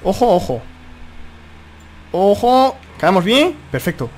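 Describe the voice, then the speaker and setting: A young man with a Spanish accent from Spain giving excitable live gameplay commentary, exclaiming and repeating himself often. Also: high-pitched, slow pace, slight background noise. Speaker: gaming YouTuber. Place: at home.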